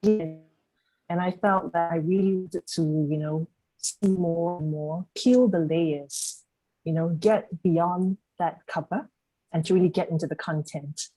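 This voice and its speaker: A woman giving spoken feedback on a video call, speaking in slow, searching phrases while her audio keeps cutting in and out at an uneven volume. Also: fairly low pitch, dark tone, dry recording, soft background music, rough recording. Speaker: meeting evaluator. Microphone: computer mic on a video call.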